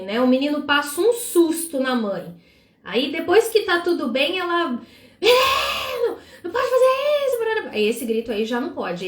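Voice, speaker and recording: Woman, devotional teacher, animated, fairly high voice, reverberant room. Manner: animated and expressive, acting out examples. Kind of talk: live-streamed devotional teaching. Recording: roomy echo.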